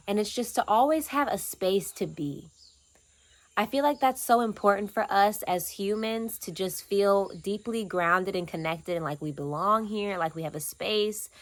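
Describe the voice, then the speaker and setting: A woman in her twenties from Atlanta talks in a casual, earnest, reflective vlog about the off-grid cabin where she lives, speaking in short, unhurried phrases. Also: medium pitch. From Atlanta, Georgia, USA. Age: 20s. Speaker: vlogger and land steward. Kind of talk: casual personal vlog talk.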